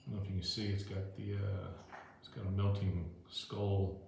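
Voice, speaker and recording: A man with a lowish voice hosts his food-tasting show, chatting loosely to the camera and rambling through fillers and restarts. He recorded it indoors at home, in a very echoey room with a faint hiss behind him. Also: little pitch movement, moderate pace, creaky, mellow. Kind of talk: casual rambling talk to camera. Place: indoors at home, moved in from the deck.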